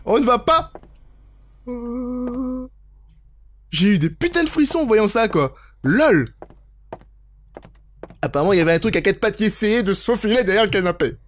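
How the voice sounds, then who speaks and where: Expressive high-voiced gaming YouTuber playing horror. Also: moderate pace, long pauses. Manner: expressive, jokey, swearing and exclaiming. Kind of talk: horror game let's play commentary. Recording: game music behind the voice. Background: horror game music.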